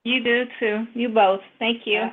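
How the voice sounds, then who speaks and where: A woman's voice: a little high, steady tone, measured pace. A woman calling into a radio show over the phone, chatty and a little exasperated. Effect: call-in voice over a phone line. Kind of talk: casual chat. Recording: tinny phone line.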